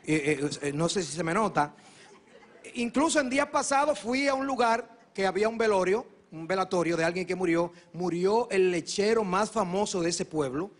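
A man in his thirties performing a stand-up comedy routine, telling jokes in a lively way and acting out the people in them. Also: high-pitched, normal speed. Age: 30s. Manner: lively joke-telling, acting out characters' lines.

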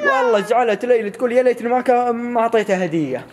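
A man giving rapid, playful, teasing commentary as he films his family. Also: very high-pitched, heavy background noise. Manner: rapid, playful, teasing narration with many calls and repeats. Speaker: family vlogger filming his child. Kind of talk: excited running commentary on a family video.

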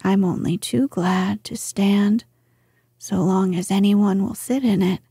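A woman voicing a gentle, wise and very old grandmother in a slow, hushed whisper, reading a storybook. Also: medium pitch, steady tone, husky, no echo, clean studio sound, exaggerated voice. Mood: gentle assurance. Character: ancient wise grandmother lady, gentle and calm.

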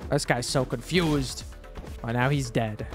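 A man mutters his way through a video game in relaxed, offhand commentary. His voice sits at an ordinary middle pitch, and he drops in dry, cursing asides as if nobody is listening. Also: measured pace, faint music behind. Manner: wry, swearing asides to himself. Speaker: gaming video host. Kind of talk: casual gameplay commentary.

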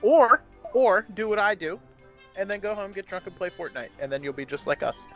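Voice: medium pitch, lively intonation, moderate pace, fairly bright tone, muffled recording, soft background music. A young adult chatting casually while gaming, joking and swearing in slangy party chat.

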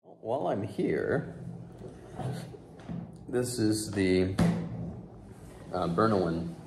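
Young man with a gravelly, low voice. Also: very slow. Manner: relaxed, with fillers and a laugh. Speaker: flute restorer. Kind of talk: casual talk to camera. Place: sunroom with large windows, indoors. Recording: echoey room with faint background noise.

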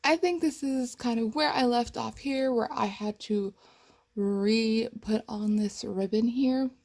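A woman's voice: on the high side, slow, gravelly, darkish tone. Chatty young woman with a cracking voice. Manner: chatty, rambling, laughs often. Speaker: cosplay vlogger. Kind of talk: casual chat. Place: home, at her computer.

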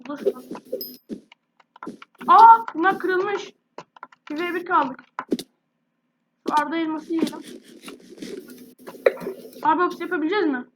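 A woman's voice: high voice, steady tone, a little fast, pauses often, noisy background. A woman with a sore, irritated throat, chatting casually to viewers as a gaming youtuber. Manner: chatty, addresses viewers directly. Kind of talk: casual gameplay commentary.

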